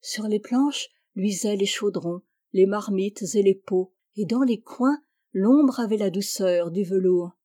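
A woman reading a classic story aloud in a measured, descriptive way. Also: medium pitch, mellow, no echo, studio quality. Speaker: reader. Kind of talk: scripted narration, audiobook.

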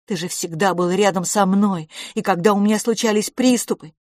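A woman voicing a frightened young boy who begs his silent twin brother, his pleas loud and cracking. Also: mid-range voice, brisk, no echo, studio quality, pitched above the performer's own voice, natural voice. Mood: pleading. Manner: desperate, pleading, voice cracking.

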